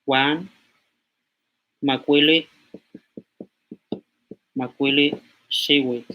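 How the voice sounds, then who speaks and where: A young man in his twenties, from Mexico, giving an informal language lesson and slowly repeating words as he writes them out. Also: medium pitch, fairly even intonation, dull audio. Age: 20s. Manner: slow, repeats words aloud while writing on a board. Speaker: language teacher.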